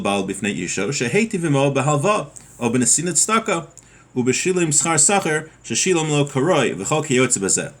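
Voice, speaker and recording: Reading from a text before unpacking it with everyday examples, a man gives an informal lesson as a religious teacher. He speaks with a husky, medium-pitched voice.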